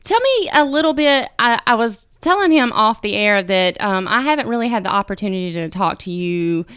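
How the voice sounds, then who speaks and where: A woman's voice: mid-range voice, animated, fairly quick, a bit bright, clean tone, no echo, studio quality. A woman from Georgia hosting a casual radio interview, chatty and upbeat, with some fillers. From Georgia, USA. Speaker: radio host.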